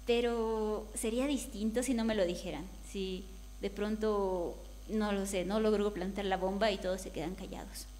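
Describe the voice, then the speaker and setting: A woman speaks candidly in a panel discussion, even in pitch, conversational, now and then lively as she quotes others. A faint hum sits under her voice. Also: normal speed. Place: event hall.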